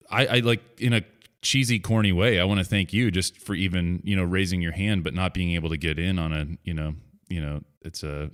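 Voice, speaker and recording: A man in his thirties with a very low, deep voice hosts a podcast conversation. He talks casually and loosely, circling back with fillers like "you know" and restarting his sentences. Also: clean tone. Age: 30s. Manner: rambling, many fillers and restarts. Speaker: podcast host. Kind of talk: casual interview chat.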